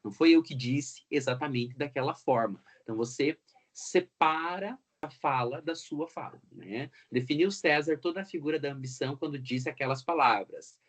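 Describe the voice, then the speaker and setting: A man, teaching a recorded grammar lesson in an explanatory way and often tagging his sentences with a quick question. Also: a little high. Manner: explanatory, frequent tag questions.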